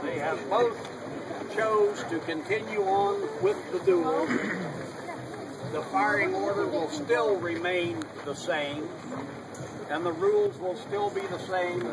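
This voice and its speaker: A man narrating a historical reenactment in a formal, deliberate manner with old-fashioned phrasing, explaining things to an audience. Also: high-pitched, huge pitch swings, vocal fry, recorded from a distance. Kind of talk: explaining to an audience, in period character. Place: outdoors at a public event. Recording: noisy outdoor recording with loud ambient noise.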